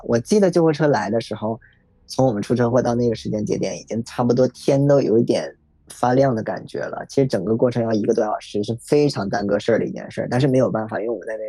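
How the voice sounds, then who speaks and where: A man in his thirties telling a personal story in a reflective, halting way, with many fillers. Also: mid-range voice, dark tone, dry recording. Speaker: podcast guest sharing a personal story. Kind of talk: emotional first-person storytelling. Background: faint background music.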